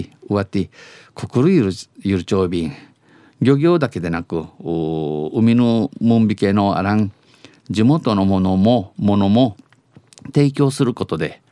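A man's voice: on the low side, warm tone, dry recording. A man with an Okinawan accent reading news phrase by phrase, alternating standard Japanese with Okinawan dialect and often restating lines. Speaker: news reader on a dialect news segment.

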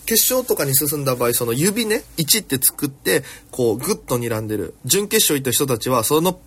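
A man's voice: mid-range voice, big pitch swings, a little fast, husky. A male comedian hosting his own podcast, telling a rambling story alone with plenty of fillers, recorded at home. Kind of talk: solo storytelling chat.

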